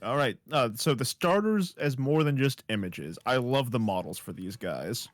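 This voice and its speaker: A man co-hosts a casual podcast over a computer mic on a voice call. His voice sits at a middling pitch, and the sound is dry and close. He makes easygoing, joking remarks. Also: expressive, moderate pace, no room sound, soft background music. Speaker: podcast co-host.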